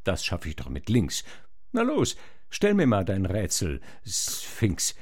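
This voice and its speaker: A man playing a cocky, slow-witted Oedipus in a comic rhymed performance. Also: sits low, wildly swooping pitch, dry recording, studio quality, full character voice.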